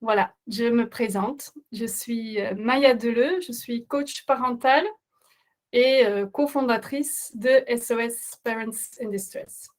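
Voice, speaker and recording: A middle-aged woman, a non-native speaker of French with a non-native accent, hosts a webinar presentation as a parenting coach. Her voice is a little high and slow, and she speaks earnestly, hesitating often with many filler sounds.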